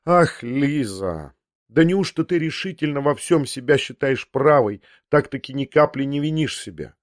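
A man reading a first-person literary audiobook, swinging between outbursts and hushed passages. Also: mid-range voice, animated, moderate pace, no room sound, clean studio sound. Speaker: audiobook narrator.

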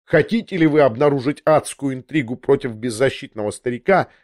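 A man's voice: medium pitch, a little fast, no room sound, clean studio sound, natural voice. A man reading a proud indignant lady. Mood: reproachful. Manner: sharp, reproachful.

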